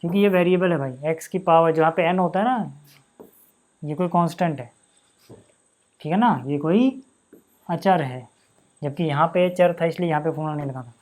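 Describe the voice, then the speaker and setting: Male maths teacher, casual chatty explaining, slows down to dictate steps. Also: on the high side, a little mellow. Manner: casual, addresses students as bhai and yaar, repeats steps slowly while writing. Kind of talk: whiteboard maths lesson.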